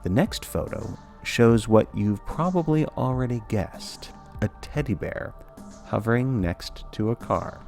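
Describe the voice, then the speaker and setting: A man narrating a scripted spooky podcast story in a measured, wry manner. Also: medium pitch, expressive, a little mellow, soft background music.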